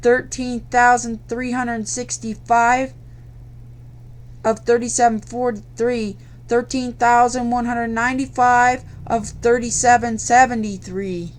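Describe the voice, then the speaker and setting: A woman's voice: on the high side, flat delivery, a little slow. A tired woman hosting a crafting channel, talking casually to her viewers late at night. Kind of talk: casual tutorial talk to viewers.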